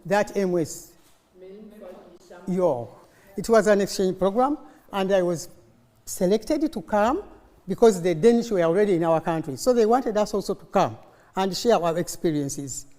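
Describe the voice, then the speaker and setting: In an echoey conference hall with long reverb, a middle-aged or older Ugandan woman, a native Luganda speaker with a Ugandan accent, gives an informal talk to a live audience. Her medium-pitched voice moves a little slowly with frequent pauses as she tells stories animatedly and draws call-and-response from listeners with her questions.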